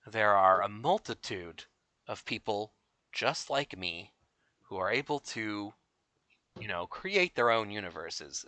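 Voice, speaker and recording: A man voicing a gentle male creator-god who paints, speaking calmly and softly. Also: on the low side, no echo, heavily acted.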